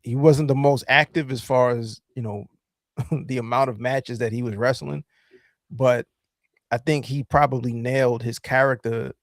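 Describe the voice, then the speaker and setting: Brief: male podcast host, mid-pitched, loose rambling delivery full of fillers, dry close mic. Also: steady tone, normal speed, no echo. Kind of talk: casual chat.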